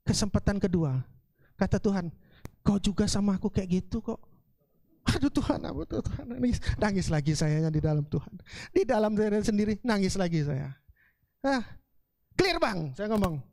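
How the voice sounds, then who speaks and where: A woman with a Palembang accent preaching a sermon in a colloquial, animated storytelling way. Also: mid-range voice, moderate pace, pauses often, no echo. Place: church service.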